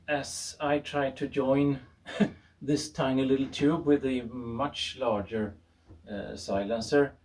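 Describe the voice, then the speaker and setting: His voice is medium-pitched and darkish, picked up from far off the microphone. In an informal explanatory video, he walks through his own garage experiment, thinking out loud haltingly with a wry, self-deprecating humor.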